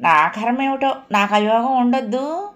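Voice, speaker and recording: Woman doing a grumbling older mother-in-law, shrill and loud, reproachful, audio novel. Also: expressive, normal speed. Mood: self-pitying. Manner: nagging, reproachful scolding.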